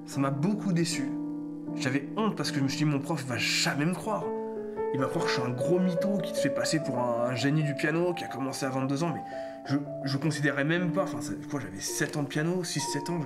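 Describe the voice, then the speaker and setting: Animated man storytelling over loud music. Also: fairly high pitch, a little fast. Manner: animated, acts out dialogue, self-mocking. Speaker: YouTuber. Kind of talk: casual storytelling to camera. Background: loud background music.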